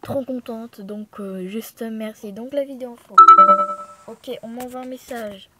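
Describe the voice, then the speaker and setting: Une jeune femme originaire de Thaïlande, bavarde et dispersée, pleine d'hésitations et d'excuses, filmée au téléphone dans son appartement. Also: female voice, fairly high pitch, fairly even intonation, unhurried, loud music behind the voice. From Thailand. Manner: chatty, scattered, lots of fillers and apologies. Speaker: vlogger. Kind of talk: casual chat to camera. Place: apartment room at home. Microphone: phone held in hand.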